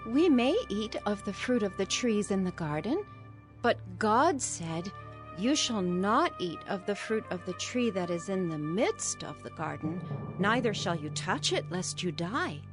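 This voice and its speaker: A woman's voice: medium pitch, big pitch swings, a little slow, music in the background. An actress playing an earnest, innocent first woman in a dramatized audio Bible, speaking expressively.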